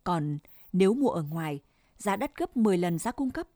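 A woman's voice: lowish voice, big pitch swings, moderate pace, mellow, no room sound, clean studio sound. A woman reading the part of a worried, desperate young mother in a told story, speaking plaintively. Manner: plaintive, complaining.

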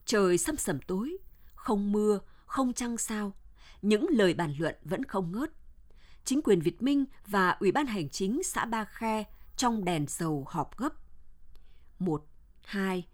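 A woman reading a war novel aloud as narrator, with measured, steady storytelling. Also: mid-range voice.

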